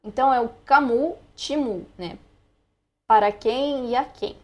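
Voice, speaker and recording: A woman's voice: a little high, a little slow, a little mellow. Chatty Brazilian woman explaining study tips. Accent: Brazilian Portuguese. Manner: chatty, explains as she goes with frequent asides. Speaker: language learner sharing study tips. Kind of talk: casual screen-recorded lesson.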